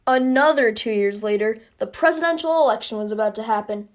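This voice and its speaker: A woman's voice: fairly high pitch, a little fast. A young woman narrating a sarcastic comic history explainer, recorded on a phone. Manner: sarcastic, playful. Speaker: video creator.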